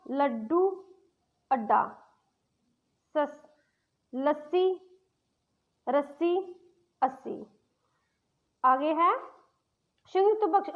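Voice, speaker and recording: A woman school teacher giving a grammar lesson to young pupils, spelling out letters and words slowly one by one. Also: high voice. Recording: tinny phone-like audio.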